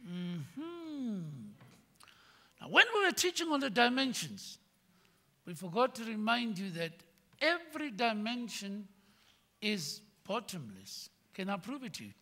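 An older man preaching a sermon from a church pulpit, swinging between loud emphatic bursts and quiet asides. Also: sits high, sing-song, a little slow. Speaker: pastor. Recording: long hall reverb.

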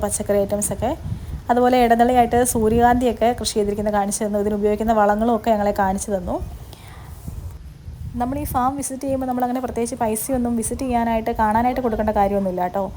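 A woman's voice: on the high side, dark tone, low-quality recording. A woman giving casual voice-over narration as a travel vlog host. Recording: faint background noise.

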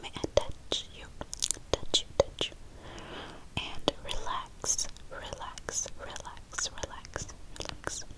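A woman whispering ASMR very close to the microphone, with soft repeated words, mouth sounds and nail tapping. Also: takes it slowly. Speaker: ASMR creator. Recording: lo-fi close-up phone or webcam recording.

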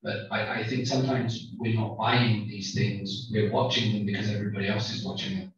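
A man's voice: on the low side, flat delivery, fairly quick. A man giving an informal, conversational lecture and discussing points with his audience. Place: small lecture room with audience. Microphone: handheld mic, recorded by far camera. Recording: very echoey room, distant, muffled.

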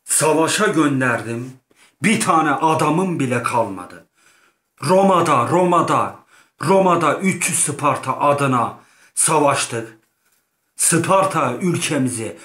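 Gamer guy narrating his play, somewhat high voice, unhurried rambling delivery, roomy echoing recording. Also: a bit bright. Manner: rambling, playful, repeats words, slangy. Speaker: gameplay commentator. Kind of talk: casual gameplay commentary.

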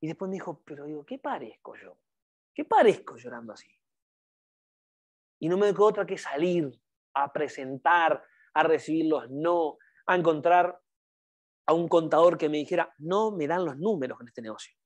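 A man's voice: a little high, moderate pace, pauses often. Emphatic man giving a seminar. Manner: emphatic, repeats key phrases; addresses the audience directly. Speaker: network marketing trainer. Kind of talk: motivational seminar talk.

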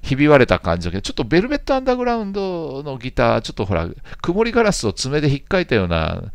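A man's voice: mid-range voice, huge pitch swings, rapid-fire, smooth, no room sound. A man in his fifties, host of a jazz channel, reading out viewer comments and answering them in a rambling, chatty way with playful asides.

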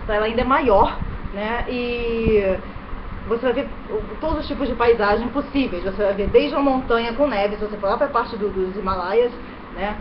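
Chatting to her webcam from a bedroom in India, a thirty-something vlogger from Brazil speaks with a Rio de Janeiro accent in a fairly high pitch. She is chatty and gestures with her hands, frequently adding quick tag questions, while dull webcam audio picks up a running electric fan.

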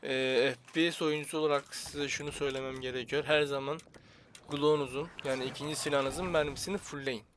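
A young man giving casual, jokey commentary while playing a shooter, swearing at enemies and shouting in sudden bursts. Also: medium pitch, fairly even intonation, brisk, slight background noise. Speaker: gaming channel host.

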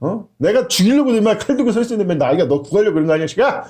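A man's voice: high-pitched, sing-song, rapid-fire, mellow. A man voicing an angry male angel who rebukes a prophet with coarse insults. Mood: scolding.

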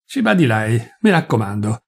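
A man's voice: mid-range voice, sing-song, moderate pace, vocal fry, slightly rough, voice pushed down, exaggerated voice. A man voicing an authoritative, impatient doctor giving urgent orders, in a literary audiobook reading.

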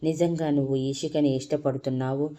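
A woman's voice: low voice, steady tone, brisk, warm tone, lightly acted. A woman voicing a possessive, scheming young woman. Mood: pleading. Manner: pleading, then fierce.

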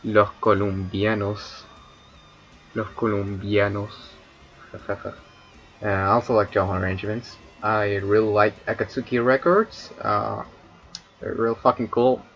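A man's voice: on the low side, steady tone, measured pace, creaky, a bit bright, muffled recording, soft background music. A man from Chile with a Chilean Spanish accent, rambling and cracking crude jokes with chat on a casual debut livestream. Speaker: streamer.

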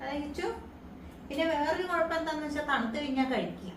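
A woman vlogging at home at night, talking through caring for a child in a soft, explaining voice that turns loud and teasing. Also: high-pitched, expressive, fast talker, echoey room, distant mic, noisy background. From Kerala. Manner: soft-spoken explaining, then loud playful scolding. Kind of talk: casual home vlog narration.

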